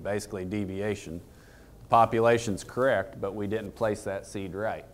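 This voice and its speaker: A man in his thirties giving a casual technical talk to an audience in a conference room, plain-spoken and folksy, often asking the room questions. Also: fairly low pitch. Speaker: equipment dealer presenter.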